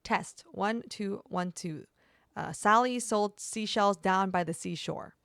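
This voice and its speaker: A woman's voice: mid-range voice, takes it slowly, fairly bright tone, clean tone, dry recording, studio quality. A young woman, a streamer, chatting through a casual product review with lots of fillers and an upbeat manner. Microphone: desk microphone.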